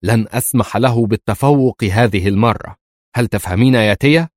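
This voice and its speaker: A man's voice: deep voice, a little fast, a little mellow, no echo, clean studio sound. A man reading aloud as a harsh, imperious woman gang leader who gives clipped orders. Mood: commanding.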